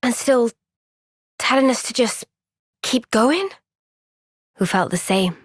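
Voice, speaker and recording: In a fantasy video game cutscene, an earnest young female soldier speaks in a high-leaning, breathy, exaggerated voice with lively intonation. She takes her time, gentle and reflective, pausing thoughtfully. The recording is clean and very dry, with no room sound.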